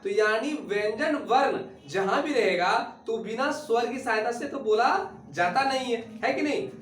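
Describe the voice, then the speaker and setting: A man's voice: extremely high pitch, normal speed, a bit bright. Teacher quizzing his class in an echoey room. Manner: asks students questions and repeats their answers. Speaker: Sanskrit teacher. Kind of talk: classroom lesson. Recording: echoey classroom recorded from a distance.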